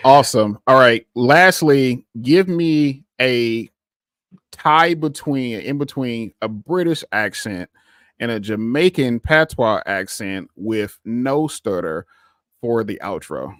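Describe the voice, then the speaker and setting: A man's voice: mid-range voice, slow pace, dry recording, clean studio sound. A man hosting a tech podcast, talking casually and loosely with lots of fillers. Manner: relaxed, rambling, with many fillers and restarts. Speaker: podcast host.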